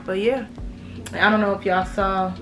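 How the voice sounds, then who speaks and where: A woman's voice: medium pitch, fairly even intonation, a little slow, over music, poor audio. An American woman with a slight lisp from braces, giving a casual, slangy, emphatic review to camera as a beauty vlogger.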